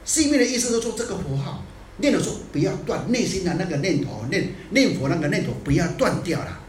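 A man giving a Buddhist dharma talk in a scolding, animated way, dropping in English phrases now and then. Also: sits high, fast, a little hiss or hum. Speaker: Buddhist teacher. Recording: echoey room, distant mic.

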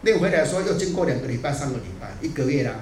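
Lively Buddhist teacher in an echoey room. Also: male voice, mid-range voice, racing, slight background noise. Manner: scolding, lively, mixes in English phrases. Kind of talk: dharma talk. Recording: echoey room, distant mic.

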